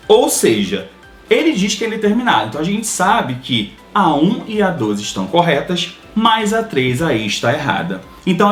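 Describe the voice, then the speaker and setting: Lively, echoey male grammar teacher. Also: a little high. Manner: lively, explanatory, frequent tag questions. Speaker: Portuguese teacher. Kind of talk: exam-prep grammar lesson.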